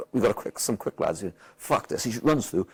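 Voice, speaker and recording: A Welsh man with a low, husky voice tells a football story with swings up and down in pitch. He swears freely and acts out the shouting on the touchline. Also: normal speed. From Wales. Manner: animated, swears a lot, acts out quotes loudly. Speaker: football manager and guest. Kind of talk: casual storytelling.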